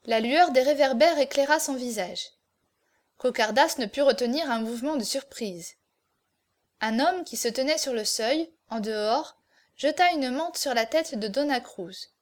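A woman narrating a novel in a steady storytelling manner. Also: high-pitched, a little slow. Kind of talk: audiobook reading of a novel.

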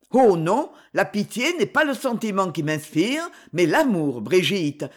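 A woman reading a storybook voices an earnest, proud gentleman suitor, speaking tenderly in her own voice. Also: medium pitch, husky.

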